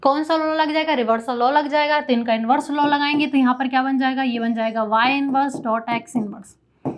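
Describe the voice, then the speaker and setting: A woman's voice: high voice, steady tone, normal speed. A young woman teaching a math lecture, asking questions and answering them herself.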